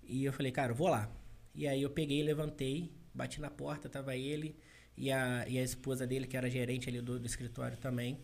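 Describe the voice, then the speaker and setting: A man's voice: medium pitch, level tone, a little fast, vocal fry, darkish tone. A young adult man, a business consultant co-hosting a podcast, telling a personal story in casual conversation, acting out quoted dialogue and laughing often.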